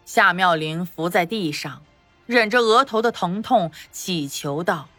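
A woman's voice: fairly low pitch, lively intonation, measured pace, fairly bright tone, no room sound, soft background music. Woman narrating a palace drama. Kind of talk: scripted audio drama narration.

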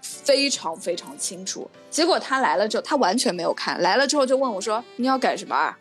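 Fast-talking woman telling an indignant story. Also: a little high, faint music behind. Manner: animated, indignant, swears freely. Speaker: podcast co-host. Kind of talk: casual chat, storytelling.

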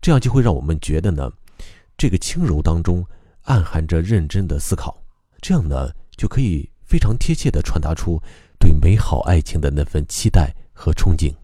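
A man teaching how to recite a poem, explaining calmly and methodically with frequent pauses. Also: deep voice, no room sound, studio quality. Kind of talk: explanatory lesson on reading poetry aloud.

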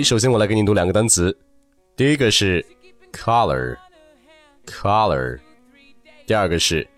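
Man, pronunciation teacher; animated delivery, lowish voice, slow drawn-out demo words. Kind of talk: lively spoken lesson.

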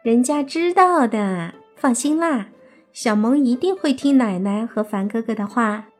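A woman's voice: on the high side, animated, measured pace, faint music behind, voice pushed up. A woman voicing a playful, cute young female fox spirit in a coy, sweet, bubbly way. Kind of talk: audiobook character voice.

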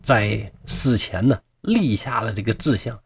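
A man voicing the ghost of a young man in a told folk tale, speaking low, hushed and mournful. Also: measured pace, vocal fry, highs cut off, noisy background. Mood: bitter. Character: young man's ghost, grieving and vengeful.

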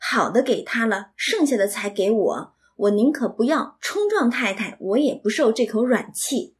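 A woman's voice: a little high, animated, moderate pace, lightly acted. Give me a woman playing a proud, scornful young servant girl in a storybook. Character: proud, sharp-tongued young maidservant.

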